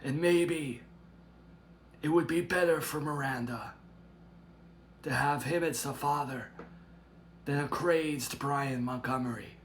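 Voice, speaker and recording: A man voicing a stern older grandmother who speaks in a measured, grave and threatening way, in an amateur drama. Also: on the high side, slight background noise. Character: stern protective grandmother, older woman, menacing resolve.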